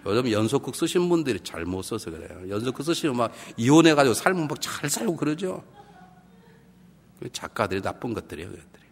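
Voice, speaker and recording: A male pastor giving a revival sermon, animated and humorous, swinging between hushed and loud and acting out quoted voices. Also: mid-range voice, fast talker. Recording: reverberant hall with faint background noise.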